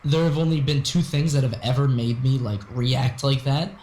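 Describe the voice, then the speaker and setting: A man with a hoarse, raspy, smoker-like voice, very tired, chatting casually as a guest commentator and keeping his voice low. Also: moderate pace, darkish tone. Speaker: guest co-host, esports commentator. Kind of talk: casual chat. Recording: roomy, faint background noise.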